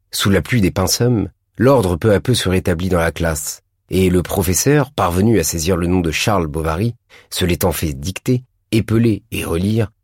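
A man narrating a classic novel in a measured, deliberate reading. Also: low-pitched, husky, dry recording, studio quality. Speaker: audiobook narrator.

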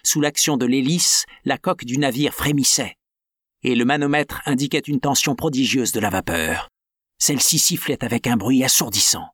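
A man narrating an adventure novel in a steady, dramatic storytelling manner. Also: mid-range voice, moderate pace, slightly rough, dry recording, studio quality. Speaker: audiobook narrator.

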